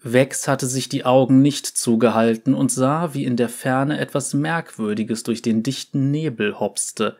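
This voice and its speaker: A man narrating a fantasy story in a measured, deliberate reading. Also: mid-range voice, steady tone, a little mellow.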